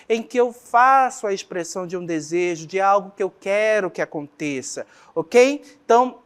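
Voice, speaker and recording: A woman teacher with a Brazilian Portuguese accent giving a grammar lesson, explaining patiently and checking in with the class often. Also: mid-range voice.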